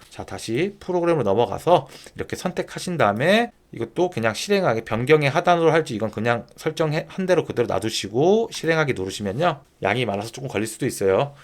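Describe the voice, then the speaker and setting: A man with a slightly high voice narrates a screen-recorded software tutorial step by step in informal, polite speech. He often asks a question and then answers it himself.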